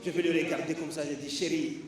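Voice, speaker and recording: A man's voice: on the high side, fairly even intonation, fast talker. A man doing punchy stand-up comedy on a live stage, telling stories animatedly and repeating phrases for emphasis. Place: live stage before an audience. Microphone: stage microphone. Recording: echoey hall, distant mic, audience noise.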